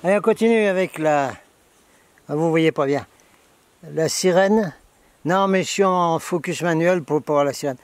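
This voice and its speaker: A man's voice: a little high, normal speed, long pauses, dry recording. A man hosting his own video in a casual, sarcastic, rambling monologue, chatting with his camera operator. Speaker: video host.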